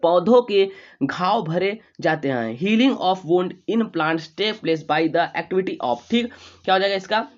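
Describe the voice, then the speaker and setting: A man teaching a rapid exam revision lesson. He keeps asking and answering his own questions, reads English questions out slowly, then explains in Hindi. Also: sits high, expressive. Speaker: online exam tutor. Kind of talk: fast exam revision lecture. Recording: slightly dull lo-fi audio.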